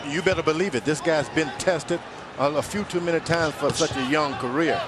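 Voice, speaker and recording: A man's voice: a little high, brisk. A man giving colloquial live boxing analysis as a commentator. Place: ringside in large arena. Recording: crowd and noise behind voice.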